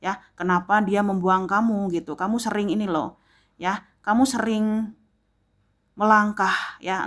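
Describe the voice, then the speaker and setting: A woman giving a casual tarot reading to the viewer, rambling and repeating herself, with many filler words. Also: medium pitch. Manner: rambling, repetitive, fills gaps with "ya" and "gitu loh". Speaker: tarot reader.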